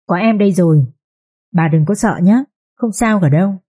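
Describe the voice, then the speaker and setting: A woman's voice: mid-range voice, moderate pace, mellow, husky, lightly acted. A woman voicing a loyal nanny who speaks humbly and soothingly to her mistress. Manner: soothing, deferential.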